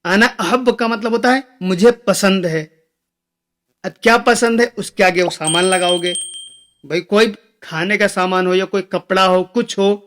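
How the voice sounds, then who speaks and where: A young man teaching Arabic phrases, saying each one slowly and then repeating it with its meaning. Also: high-pitched, fairly bright tone.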